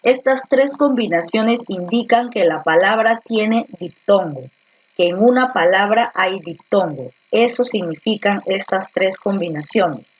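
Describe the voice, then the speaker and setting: A woman's voice: medium pitch, unhurried, slightly rough, highs cut off. A woman teacher explains a grammar lesson step by step, asking questions and answering them herself.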